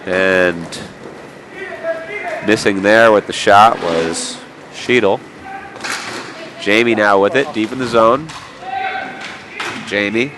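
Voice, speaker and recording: A man calls a local hockey game play-by-play in a lowish voice, a bit stuffy and nasal from a cold. He drops in jokey, chatty asides between the action. Faint arena noise sits behind him. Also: slow, long pauses. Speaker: play-by-play commentator. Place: indoor sports arena.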